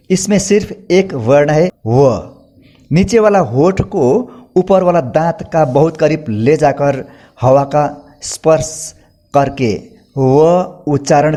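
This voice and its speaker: Slow, careful male chanting teacher. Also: medium pitch, a little mellow. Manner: drawn-out careful demonstration of each sound. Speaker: teacher of Vedic chanting pronunciation. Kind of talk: slow instructional explanation with call-and-repeat drills.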